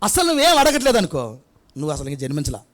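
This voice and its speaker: A pastor preaches in a church prayer hall, his voice sitting high for a man. He talks to the congregation conversationally, firing rhetorical questions and slipping into little acted scenes. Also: wildly swooping pitch, rapid-fire, fairly bright tone. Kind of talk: sermon.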